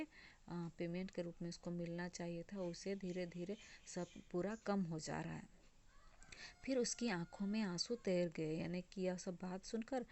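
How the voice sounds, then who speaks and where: A woman's voice: lowish voice, darkish tone. A woman Hindi teacher explaining a textbook chapter, restating the text in simple words with frequent fillers.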